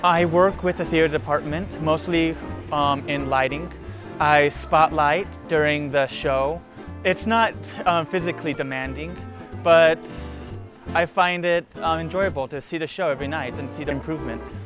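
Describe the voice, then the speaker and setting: A man's voice: a little high, fairly even intonation, moderate pace. A young man from the Czech Republic, a student spotlight operator, speaks carefully in a documentary interview. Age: young adult. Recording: music bed under the voice.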